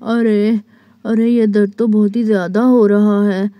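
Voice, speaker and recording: A woman's voice: mid-range voice, level tone, unhurried, no room sound, dull audio, natural voice. A woman voicing a young village husband in a doll story, groaning and pleading over a stomach ache. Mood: pained. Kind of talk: doll story role-play.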